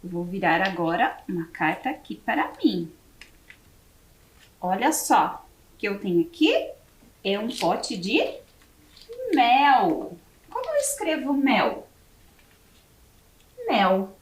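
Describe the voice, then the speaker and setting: A Brazilian woman teacher with a Brazilian Portuguese accent, leading a word game for young children on a TV lesson and slowly spelling each word letter by letter. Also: medium pitch, big pitch swings, echoey room, far from the mic. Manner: slow, spelling words letter by letter. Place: classroom studio for educational TV.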